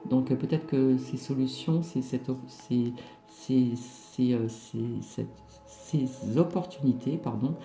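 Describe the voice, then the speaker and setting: A man giving a casual spiritual card reading to viewers, speaking haltingly and often repeating himself. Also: medium pitch, mellow. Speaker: oracle card reader. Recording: roomy echo, music behind. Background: music.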